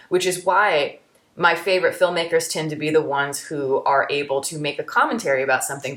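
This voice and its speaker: Low-voiced woman answering viewer questions. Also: roomy sound. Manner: candid, reflective, with frequent restarts. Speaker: YouTube film reviewer.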